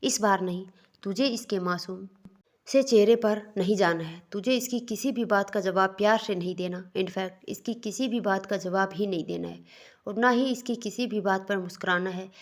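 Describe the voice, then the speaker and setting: A man's voice: high-pitched, moderate pace, close to an everyday voice. A woman voicing a stern young husband, cold but caring, who talks in curt, scolding lines.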